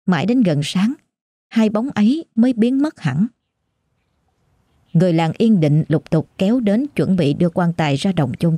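A woman narrates a ghost story in a measured, somber way. Her voice sits low and mellow, the recording is dry and close, and faint music plays underneath. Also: no echo.

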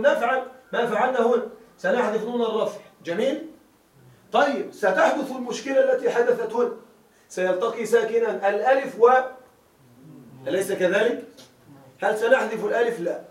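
A man teaching Arabic grammar to a class, often checking that his students follow and repeating key words as questions for them to answer. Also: high voice. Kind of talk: classroom lecture. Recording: roomy classroom audio from a distant mic.

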